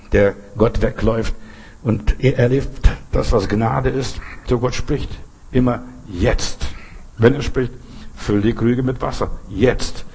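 A man's voice: mid-range voice, a little mellow, slightly rough. A man preaching a sermon, speaking to his listeners directly and often asking them questions.

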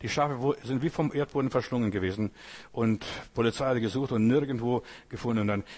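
A man's voice: medium pitch, quick pace, darkish tone. A man preaching a sermon, addressing the congregation directly and often asking "you know?". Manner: addresses listeners directly with "weißt du" and "Geschwister".

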